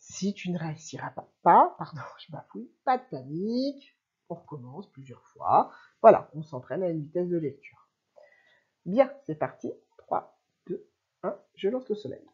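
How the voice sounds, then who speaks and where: A woman teacher giving a remote reading lesson to young children, sounding out syllables slowly and clearly and encouraging the child. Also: fairly low pitch, very animated, darkish tone, dull audio. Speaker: primary school teacher.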